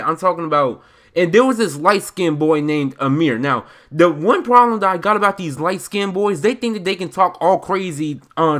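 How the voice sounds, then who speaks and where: A young man from Chicago with an American accent delivers an animated storytime rant. His voice sits a little high for a man. He rambles in casual slang and leans on his words with indignant emphasis. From Chicago, United States.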